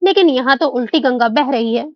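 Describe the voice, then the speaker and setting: A man's voice: extremely high pitch, fairly quick, no echo. A woman voicing a cold, unbending rich young man who talks bluntly. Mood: curt. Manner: blunt, curt. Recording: dull dry recording.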